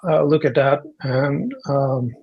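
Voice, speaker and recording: A man's voice: medium pitch, slow pace, creaky, husky, muffled recording. A man from the Netherlands, a guest artist talking in a casual interview, thoughtful and hesitant, often restarting his sentences.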